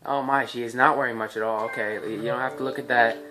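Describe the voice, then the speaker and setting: A man's voice: mid-range voice, steady tone, quick pace, sharp tone. A man giving chatty, joking commentary while playing a video game, thinking aloud. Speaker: gameplay commentator. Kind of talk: casual let's-play commentary.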